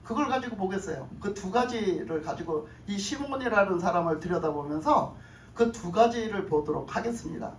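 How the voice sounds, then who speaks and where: A woman's voice: medium pitch, expressive, moderate pace. A woman pastor preaching a sermon, often asking the congregation questions, repeating her phrases and chuckling. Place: church sanctuary. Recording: echoey room, voice from far off, faint noise.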